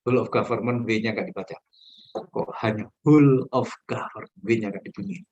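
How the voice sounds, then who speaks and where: A man's voice: on the low side, normal speed, a little mellow, lo-fi sound. Chatty joking male lecturer on a video call. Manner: joking, laughs often, asks the class questions. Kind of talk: casual online lecture.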